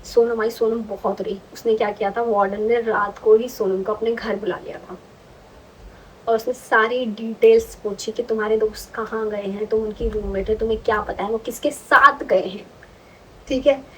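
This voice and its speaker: Young woman, vlogger, casual storytelling, animated, chatty, higher voice. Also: moderate pace, slight background noise, low-quality recording. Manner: animated, chatty, frequent "ठीक है" check-ins.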